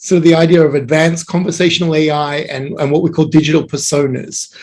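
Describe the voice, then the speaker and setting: Halting man on a video call. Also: on the high side, darkish tone. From Australia. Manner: halting, many fillers and restarts. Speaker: guest speaker. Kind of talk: online meetup talk.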